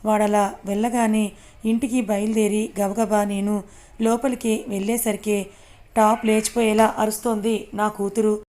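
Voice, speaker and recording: A woman reading a first-person story aloud as an audiobook narrator, steady and unhurried. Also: medium pitch.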